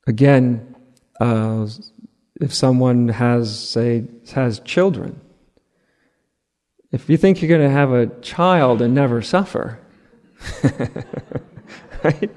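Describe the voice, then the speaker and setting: A man's voice: mid-range voice, takes it slowly, long pauses, a little mellow. A man giving a spiritual talk. He is conversational, with frequent "right?" asides and light laughter. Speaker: spiritual teacher. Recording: long hall reverb.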